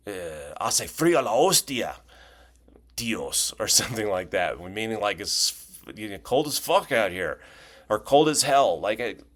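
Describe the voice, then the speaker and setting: A man's voice: low-pitched, a bit bright. A man hosting a casual language lesson video, talking loosely with lots of fillers, restarts and joking asides.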